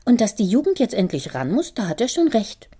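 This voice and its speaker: A woman's voice: on the high side, very animated, fairly quick, breathy edge, voice pushed up. A woman voicing a spirited, defiant young daughter who has caught a cold, answering back sharply. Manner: sharp, challenging retorts.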